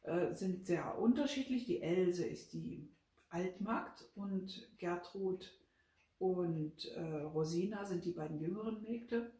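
A woman author reading from her novel with an expressive, lively delivery. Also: lowish voice, slow pace. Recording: roomy, from a distance.

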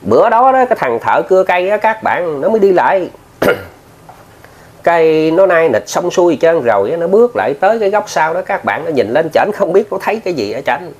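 A man's voice: on the high side, very animated, brisk, a little mellow. A man with a Southern Vietnamese accent telling a ghost story in a casual, chatty way, often turning to his listeners and using many filler words. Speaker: ghost story narrator, channel host.

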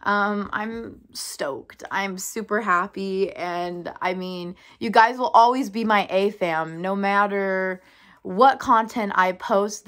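A woman's voice: mid-range voice, a bit bright. A young woman, a service dog trainer, chatting to her followers in a bubbly, giggly way. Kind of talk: casual vlog chat to followers.

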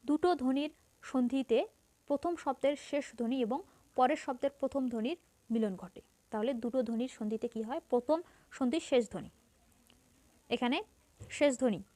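A woman's voice: high-pitched, a little mellow, no room sound. A woman teaching a grammar lesson to students, patiently explaining each point and repeating it.

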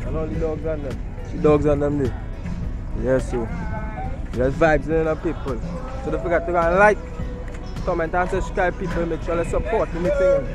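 A man's voice: fairly high pitch, fairly even intonation, moderate pace, long pauses. A young man with a Trinidadian accent, vlogging in casual hype talk from a parking lot, filming himself at arm's length. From Trinidad and Tobago. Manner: hyped, repeats calls to like and subscribe. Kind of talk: casual vlog chat. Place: outdoor parking lot by a bus. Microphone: handheld camera held at arm's length. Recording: outdoors with loud music and crowd.

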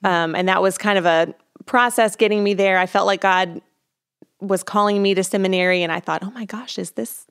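A woman's voice: mid-range voice, fairly even intonation, fairly quick, a bit bright, clean tone. A woman in her thirties, a counselor, talking candidly and reflectively as an interview guest, with frequent ums. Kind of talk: conversational interview.

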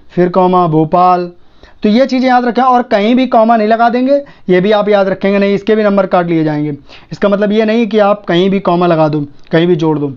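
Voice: medium pitch, clear, resonant tone, dull audio. A teacher walking students through punctuation examples, checking in with frequent "okay" and "look here.". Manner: repeats "ठीक है" and "देखिए", points to examples on a page. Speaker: shorthand teacher. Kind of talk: explaining grammar to students.

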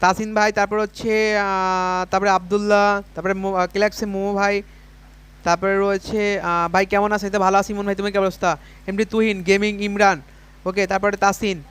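A man's voice: high voice, little pitch movement, fast, fairly bright tone, smooth. A young man, chatting casually on a gaming livestream while reading out viewer comments and urging viewers to send coins. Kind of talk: casual live stream chat.

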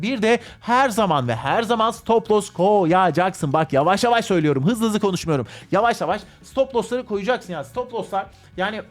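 A chatty man walks through a trading chart in loose, casual commentary, repeating points and rewording as he goes. His voice sits high for a man. Soft music plays faintly underneath. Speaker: crypto analysis host.

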